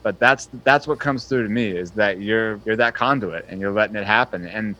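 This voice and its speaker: A man's voice: on the low side, normal speed, sharp tone, dull audio. A man interviewing a fellow musician in casual chat, earnest and appreciative, with many fillers and restarts.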